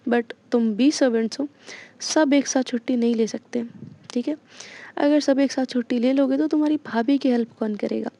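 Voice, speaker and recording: A woman voicing a bossy, quick-tempered young woman who speaks bluntly and teasingly to her love, in a dull lo-fi recording. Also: high voice, fairly even intonation, mellow.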